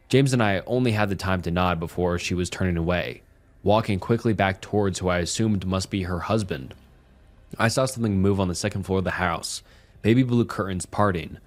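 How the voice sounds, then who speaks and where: A man reading a scripted first-person horror story in a steady, measured way. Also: deep voice. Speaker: narrator. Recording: soft music underneath.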